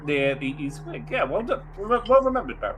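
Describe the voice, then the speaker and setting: A man narrating as game master of a tabletop game, animated and chatty, with asides to his players. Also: on the high side, a little fast, faint music behind.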